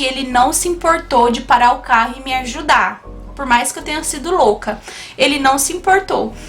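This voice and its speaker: A young woman telling a personal story to her viewers in an animated storytime vlog. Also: high-pitched. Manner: animated, keeps addressing viewers as "gente". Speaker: YouTuber.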